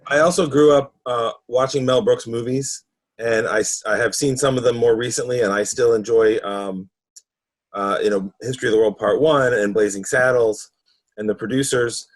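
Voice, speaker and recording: A man's voice: medium pitch, steady tone, moderate pace. A man chatting on a podcast, candid and dry as he explains why a classic comedy leaves him cold. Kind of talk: casual film discussion.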